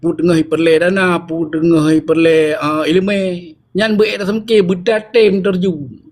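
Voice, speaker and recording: A man with an Acehnese accent makes his case in a formal debate, earnest and argumentative. His voice sits a little higher than most men's. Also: fairly even intonation, a little slow, a little mellow. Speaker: debate speaker.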